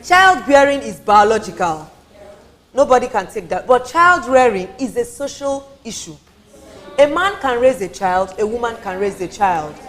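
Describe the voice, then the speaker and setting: A woman's voice: fairly high pitch, animated, normal speed, fairly bright tone. A woman from Nigeria with a Nigerian accent, a women's advocate explaining her views earnestly on a talk show panel and repeating points for emphasis. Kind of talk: studio talk show discussion.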